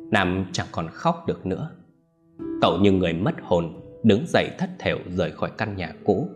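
Deep-voiced male story narrator. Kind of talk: scripted narration. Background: faint music.

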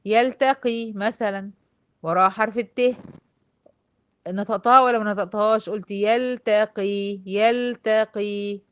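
A woman with an Egyptian Arabic accent teaching a tajweed lesson. She explains step by step, asks and answers her own questions, and slowly draws out the example words. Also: medium pitch, fairly bright tone, no echo, muffled recording. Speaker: Quran recitation teacher.

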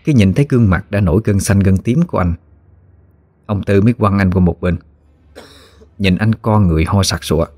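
A man with a Southern Vietnamese accent narrating a scripted horror story in a steady, measured way. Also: low voice, dry recording.

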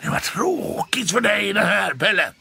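A man voicing a sly, spiteful male tomcat who taunts and jeers loudly in a children's story. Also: high voice, sing-song, gravelly, slightly rough, pitched above the performer's own voice, exaggerated voice. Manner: taunting, loud and jeering.

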